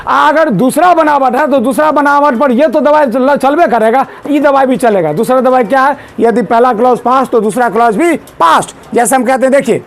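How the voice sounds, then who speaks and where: A male teacher giving a grammar lesson in a classroom, drilling students with repeated questions and asking them to answer loudly. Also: very high voice, normal speed, hardly any pauses. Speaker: English teacher.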